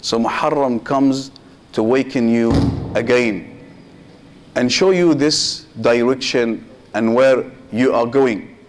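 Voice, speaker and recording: This sheikh's Muharram sermon comes in short, paced phrases separated by pauses, in a medium-pitched voice. Turning to his listeners directly with rhetorical questions, he slips Arabic religious phrases into his English.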